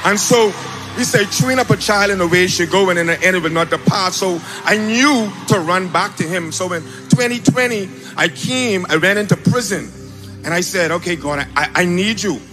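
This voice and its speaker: A man raised in the Bahamas giving a spoken testimony on a large auditorium stage into a handheld mic, animated and breaking into shouts when excited. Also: sits high, normal speed, music in the background. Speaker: testimony speaker at a church event. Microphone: handheld mic held by another man.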